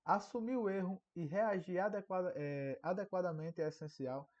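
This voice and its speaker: A man teaching an online course in a casual lecture, often checking in with a quick tag question. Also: high voice, darkish tone. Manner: conversational, frequent tag questions. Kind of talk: recorded online class lecture. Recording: dull lo-fi audio.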